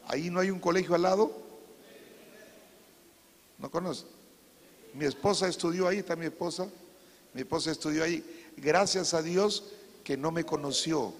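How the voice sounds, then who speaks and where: A Peruvian pastor giving an emotional sermon testimony to teenagers, sinking to a hush and rising to shouts. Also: male voice, a little high, normal speed, creaky, long pauses. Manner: emotional preaching, swings from hushed to shouting. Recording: reverberant hall with faint music. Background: faint instrumental music.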